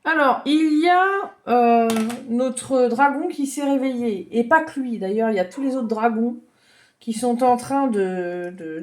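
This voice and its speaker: A woman giving a gentle, chatty drawing lesson for children, thinking aloud as she tells a story. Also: on the high side.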